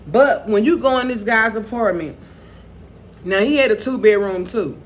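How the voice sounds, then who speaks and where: A woman's voice: fairly high pitch, normal speed. A woman talking straight to camera in a loose, rambling monologue, repeating herself and restarting her sentences often. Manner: rambling, repetitive, with many restarts and "you know". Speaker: vlogger.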